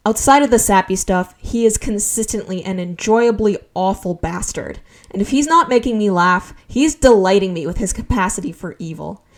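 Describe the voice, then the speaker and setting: Speaking at medium pitch with a slightly mellow quality, a young woman in her twenties narrates her channel's personal video essay. She comes across as earnest and nostalgic, adding wry, self-deprecating asides along the way.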